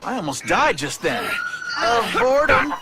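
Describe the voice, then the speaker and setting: An actor playing a wisecracking young superhero in a video game, with a casual, sarcastic manner. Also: male voice, very high-pitched, sing-song, moderate pace, shouting, heavy background noise. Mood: wry. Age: young adult. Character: wisecracking young male superhero, earnest and quippy.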